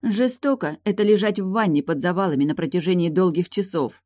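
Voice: mid-range voice, brisk, darkish tone, no echo, clean studio sound, pitched above the performer's own voice, close to an everyday voice. A reader voicing a bitter, mocking young woman who was badly injured, sarcastic and cutting in an audiobook dialogue.

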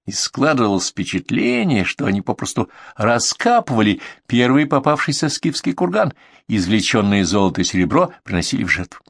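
A man reads an adventure novel aloud in an expressive storytelling manner. His pitch moves a lot, so the telling sounds animated. The recording is dry and close, with no room sound. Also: fairly quick, gravelly, no room sound. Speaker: audiobook narrator. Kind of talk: scripted narration.

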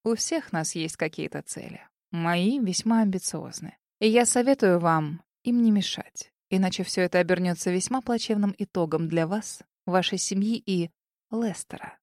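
A woman reading an audiobook, voicing a smug, scheming young nobleman who threatens in a cool, mocking, lowered voice. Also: normal speed, darkish tone, no echo, studio quality, lightly acted. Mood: mocking menace.

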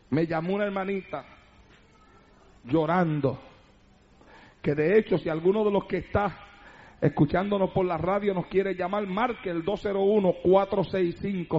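A man preaching a fervent radio sermon from a church altar, emphatic and often shouting. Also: high voice. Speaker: pastor. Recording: dull lo-fi radio broadcast recording.

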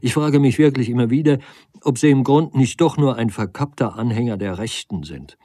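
A man's voice: mid-range voice, moderate pace, dry recording, studio quality, pitched above the performer's own voice, natural voice. A man reading an irritable, indignant doctor. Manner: sharp, indignant. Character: irritable, short-sighted male doctor, quick-tempered.

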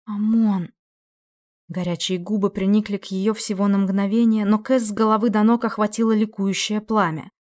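A woman's voice: medium pitch, brisk, few pauses. Woman audiobook narrator, dramatic storytelling, acts out the lines. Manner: expressive, acting out dialogue. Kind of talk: dramatic fiction reading.

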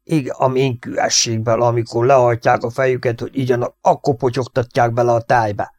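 A man reading the part of a glum, plain-spoken male farmer who talks slowly in rustic country speech, in a storybook reading. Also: medium pitch, little pitch movement, darkish tone, no room sound, natural voice.

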